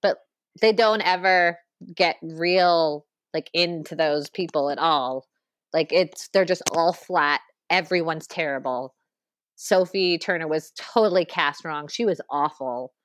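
Animated chatty woman, dry close sound. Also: low-pitched, no echo. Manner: animated, ranting, quick asides and laughs. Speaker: podcast co-host. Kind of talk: casual chat.

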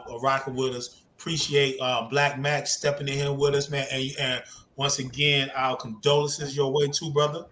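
A man hosting a podcast in loose, animated casual chat, breaking into laughing asides. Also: mid-range voice, reverberant, a little hiss or hum. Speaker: podcast host.

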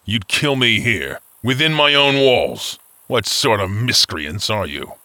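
A man's voice: fairly low pitch, animated, takes it slowly, pushed and bright, no room sound, exaggerated voice. A man voicing a menacing male giant with a grim, surly, growling manner. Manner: growling, threatening.

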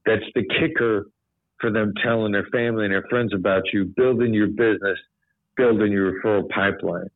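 Speaking a little fast at a fairly low pitch, this man, once a hostage negotiator, swaps stories and advice in a laid-back podcast conversation. He keeps saying "you know" and livens up when quoting people, all over a dry, tinny, phone-like connection.

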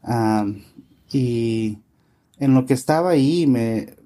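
A man answering interview questions in a relaxed conversation, hesitant with many fillers, slipping words into his Spanish. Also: medium pitch, slow. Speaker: interview guest, scientist and tech consultant.

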